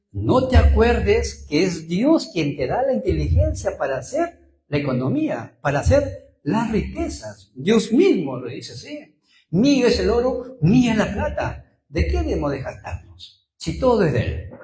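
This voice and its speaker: A man from Peru, preaching as a pastor in a Peruvian Spanish accent, shares personal stories, repeats phrases to drive points home, and asks rhetorical questions. His high, mellow voice sounds roomy in a low-quality recording.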